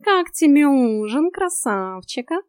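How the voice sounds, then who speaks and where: A woman's voice: high voice, big pitch swings, measured pace, dry recording, clean studio sound, voice pushed up. A woman voicing a grumbling, sarcastic male talking cat in an audiobook. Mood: snarky. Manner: sarcastic, scolding.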